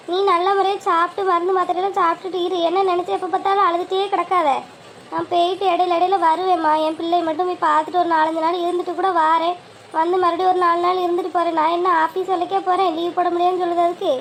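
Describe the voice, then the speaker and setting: A woman voicing a caring young mother in an animated family drama, gently reassuring her mother. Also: extremely high pitch. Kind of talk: cartoon voice acting. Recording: faint ambient noise.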